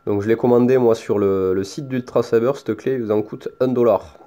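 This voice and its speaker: Mellow-voiced man with a Toulouse accent. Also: mid-range voice, fairly even intonation, normal speed. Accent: Toulouse French. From France. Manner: hesitant, many fillers and restarts. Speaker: hobbyist showing his lightsaber. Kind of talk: casual show-and-tell.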